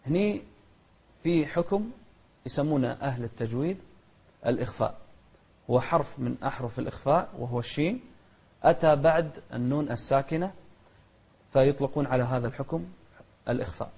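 A man teaching Quran recitation rules, switching between quick explanations and slow, chanted example verses. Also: medium pitch, darkish tone, slightly rough. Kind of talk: tajweed lesson with recited examples. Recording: dull lo-fi recording.

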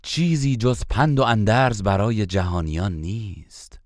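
A man reads a scripture translation verse by verse in a calm, measured way. His voice is deep and low, and his delivery stays even throughout. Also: no echo, clean studio sound.

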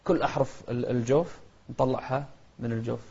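A man teaching Quran recitation rules, switching between quick explanations and slow, chanted example verses. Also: mid-range voice, creaky, darkish tone, husky. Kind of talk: tajweed lesson with recited examples. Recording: dull lo-fi recording.

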